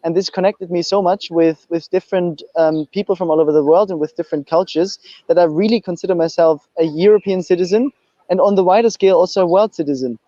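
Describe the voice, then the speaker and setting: Young man, from Austria, higher voice, mellow tone, hesitant, lo-fi video call. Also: fast, dry recording. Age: young adult. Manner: hesitant, many fillers and restarts. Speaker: youth movement president, panel guest. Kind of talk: panel remarks.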